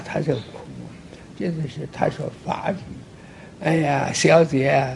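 A man giving a Buddhist sermon, explaining plainly and repeating himself, speaking straight to a listener and often starting with a drawn-out "ai". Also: high-pitched, creaky, darkish tone, slight background noise. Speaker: Buddhist teacher.

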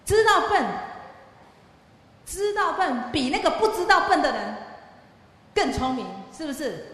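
A woman giving an animated Buddhist talk to children, full of rhetorical questions and drawn-out fillers. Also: on the high side. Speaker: Buddhist teacher speaking to children. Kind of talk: Dharma talk with a told story. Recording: very echoey hall with faint background hum.

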